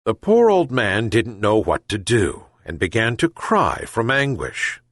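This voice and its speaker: A man's voice: dry recording, studio quality. A man reading a children's fable aloud as a narrator. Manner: slow, gentle, very lively pitch. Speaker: reader. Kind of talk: storybook narration.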